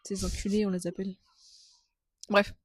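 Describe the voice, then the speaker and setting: A woman's voice: mid-range voice, flat delivery, moderate pace, slightly rough. A young woman co-hosting a casual podcast chat, slangy and teasing, often jumping in. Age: young adult. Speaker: podcast co-host.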